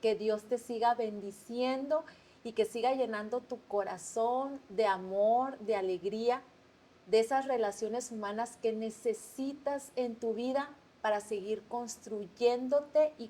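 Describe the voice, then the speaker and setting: A woman hosts a heartfelt podcast interview, speaking in with a soft, earnest warmth of manner. Her voice sits a little high for a woman. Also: measured pace. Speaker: podcast host. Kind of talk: gentle, empathetic interview.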